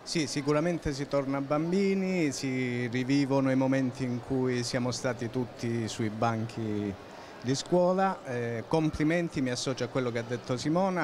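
Male, forties, medium pitch, interview remarks, handheld mic, noisy shopping centre. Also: normal speed. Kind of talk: short interview remarks at a live event. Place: busy indoor shopping centre. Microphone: handheld microphone held by interviewer. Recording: noisy live event sound.

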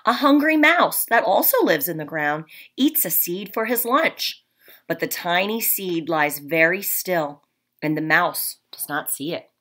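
In a fairly low, slightly slow voice, a teacher in her thirties gives young children an expressive reading of a picture book. She reads gently from a home room indoors, recorded on her laptop webcam.

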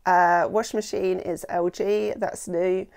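Her voice low, gravelly, and darkish, a woman in her thirties speaks slowly with fairly even intonation while narrating a casual renovation vlog. Enthusiastic and chatty, she uses plenty of ums, recorded on a lapel mic inside the house being renovated.

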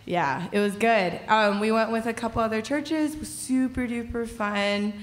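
A woman's voice: a little high, moderate pace. A young woman sharing a chatty, bubbly testimony at a stand mic on a church stage, laughing often between thoughts. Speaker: youth leader sharing at church. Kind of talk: casual testimony.

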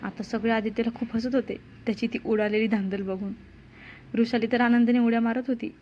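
Woman narrating a romance serial. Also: on the high side. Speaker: storyteller. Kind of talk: scripted story narration. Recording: dull lo-fi sound.

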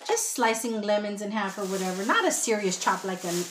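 A woman's voice: mid-range voice, lively intonation, fairly quick, noisy background. A woman, chatting casually to a webcam at home as she shows her shopping haul, rambling with self-deprecating asides. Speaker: haul vlogger. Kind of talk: casual haul chat to camera. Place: small home room with shelves, indoors.

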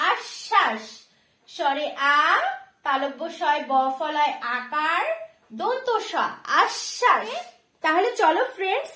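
Slow, high-voiced woman teaching spelling. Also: fairly bright tone, reverberant. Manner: patient, slow, repeats each sound and checks understanding. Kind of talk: spelling lesson at a whiteboard.

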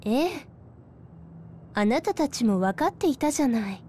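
A woman's voice: high-pitched, big pitch swings, normal speed, dark tone, slight background noise. An actress playing a coldly menacing female spirit in a video game, with ladylike, coolly polite speech. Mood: cold menace. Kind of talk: Japanese RPG cutscene voice acting.

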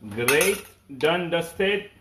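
A man in his thirties with an Indian accent hosts a casual cooking livestream. His voice sits a little high, and he repeats short phrases as he chats to viewers. The room around him is clearly echoey. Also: lively intonation, very slow, background noise. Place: home kitchen, indoors. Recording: echoey room, phone mic.

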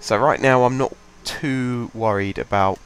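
A young man hosting a gaming channel commentates his own play at a home desk mic, his smooth, mid-range voice congested by a head cold. He moves at a measured pace, chatting casually, rambling and thinking aloud.

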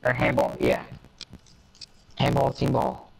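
A man chatting casually while gaming, making dry, low-key remarks. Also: very animated, takes it slowly, gravelly, background noise. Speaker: gaming friend.

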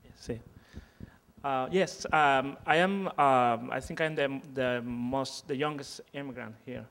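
A man from Cuba speaks English, his voice gravelly. He halts often, restarting words and filling pauses. He holds a microphone on an auditorium stage. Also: mid-range voice, fairly bright tone. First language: Spanish. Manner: halting, many fillers and restarts. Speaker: panelist writer. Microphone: handheld mic.

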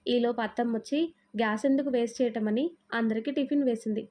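A gentle young daughter-in-law replies politely and patiently, as a woman reading the tale voices her. The voice is fairly high with a warm, mellow tone. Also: fairly even intonation, fast, close to an everyday voice. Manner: polite, soft-spoken.

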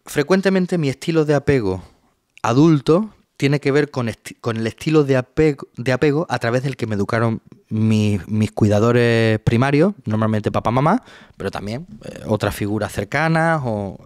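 A man's voice: medium pitch, lively intonation, moderate pace, a little mellow, no echo, studio quality. A man, a psychologist guest, explaining a topic patiently in a webinar and often checking in with his listener.

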